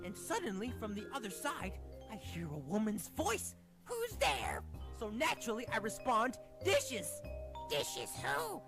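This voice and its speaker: A woman's voice: fairly high pitch, wildly swooping pitch, measured pace, music in the background, heavily acted. A woman voicing a playful, joke-telling storyteller in a game fan dub, told dramatically.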